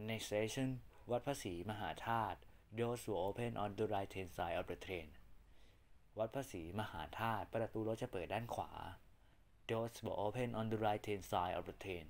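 Male train announcement voice, calm and unhurried, slightly low, formal and evenly paced. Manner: formal, measured, evenly spaced phrases. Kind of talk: pre-recorded train station announcement.

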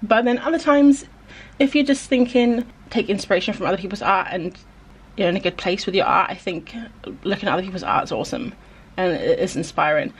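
A woman's voice: medium pitch, a little fast, slightly rough. A young woman chatting casually in a vlog voice-over, rambling and self-deprecating as she answers viewer questions.

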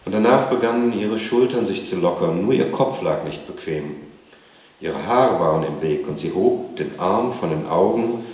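A man reading a novel aloud at a literary event in a museum, in a calm and measured way. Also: low-pitched. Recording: echoey room.

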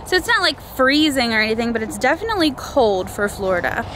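A woman's voice: fairly high pitch, big pitch swings, quick pace, a bit bright, slight background noise. A woman and mother chatting casually to camera in a family vlog, giggling often. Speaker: vlogger and mother. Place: car and grocery store. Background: background music.

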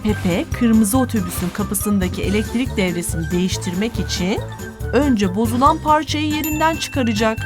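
With a high voice and moderate pace, a woman delivers scripted narration to children for an educational cartoon. Her manner is didactic, encouraging and clearly articulated, and music plays in the background.

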